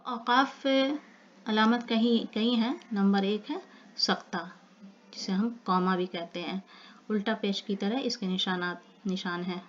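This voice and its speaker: A woman teaching an online grammar lesson, explaining slowly with repeated examples and speaking to her students as children. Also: medium pitch, dull audio.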